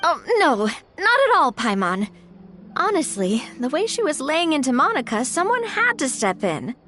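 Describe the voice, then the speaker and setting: A woman's voice: high voice, sing-song, moderate pace, fairly bright tone, a little hiss or hum. A woman playing a polite, principled young woman leader in a video game, composed yet firm. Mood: reassuring, friendly. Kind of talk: animated game voice acting.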